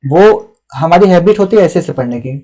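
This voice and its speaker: A young adult male teacher, high-voiced and mellow, speaks briskly with lively intonation. He is reading students' written answers aloud and giving them patient, instructive live feedback.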